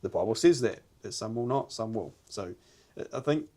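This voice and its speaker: A man's voice: fairly low pitch, animated, normal speed, mellow. A man with a broad New Zealand accent chatting casually and earnestly on a podcast, rambling a little and using plenty of slang. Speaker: podcast host.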